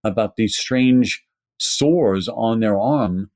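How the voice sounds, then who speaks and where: Low-voiced man with a Brooklyn accent. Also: takes it slowly, darkish tone, dry recording. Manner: emphatic, poses rhetorical questions. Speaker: pharmacist educator, interview guest. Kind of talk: conversational explaining.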